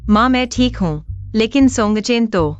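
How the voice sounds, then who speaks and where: A woman playing a gentle young daughter-in-law. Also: a little high, lively intonation, unhurried, highs cut off, faint music behind. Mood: worried. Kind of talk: Hindi drama dubbing.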